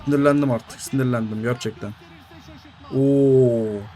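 A young man commentating his own football video game, shouting at goals and griping at the referee. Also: mid-range voice, fairly even intonation, measured pace, soft background music. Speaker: gaming YouTuber.

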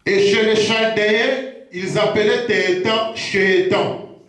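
A man preaching a teaching sermon, slow and repetitive, pausing to check himself as he goes. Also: high-pitched, steady tone, fairly bright tone. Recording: very echoey room.

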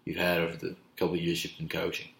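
A young man with a lowish voice runs a casual interview and chimes in often with quick affirmations. He is recorded on a laptop webcam in a small room that echoes. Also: monotone, creaky, a bit bright. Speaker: interviewer, coach. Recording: roomy webcam audio.

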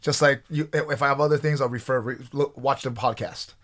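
A man in his forties from Taiwan, telling his own stories as a guest in a casual interview, animated and quoting himself. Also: medium pitch, a little fast. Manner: animated, restarts often, quotes himself. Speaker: guest, former fighter.

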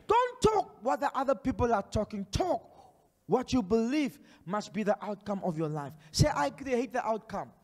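A man from Namibia preaching a charismatic sermon on a large church stage into a handheld mic, shouting declarations and prophecies while he paces and gestures. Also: very high voice, very animated, normal speed. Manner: pacing and gesturing energetically. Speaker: pastor. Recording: long hall reverb.

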